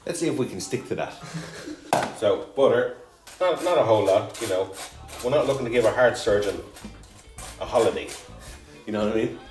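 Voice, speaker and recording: A man's voice: fairly low pitch, expressive, a little fast, pauses often, roomy sound, music in the background. A man hosting a casual cooking show, joking and rambling as he cooks.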